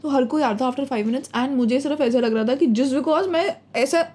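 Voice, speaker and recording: Young woman, podcast co-host, high breathy voice, earnest storyteller. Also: normal speed, dark tone. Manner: earnest storytelling, mixes Hindi and English. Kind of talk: casual chat.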